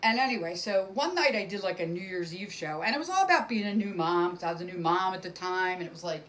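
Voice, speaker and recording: A woman's voice: on the low side, sing-song, quick pace, a bit bright, rough recording. Rambling self-deprecating woman comic. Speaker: stand-up comic. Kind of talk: casual stand-up monologue to camera. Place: at home.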